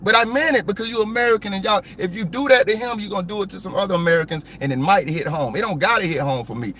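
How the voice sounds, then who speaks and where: A man's voice: sits high, fairly bright tone, slight background noise. A man hosting a live stream, ranting hotly and with plenty of profanity. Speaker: copwatch channel host.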